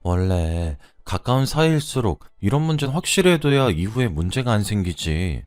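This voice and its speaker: A man's voice: on the low side, big pitch swings, normal speed, faint music behind. A man voicing a blunt young woman who questions her friend pointedly. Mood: matter-of-fact.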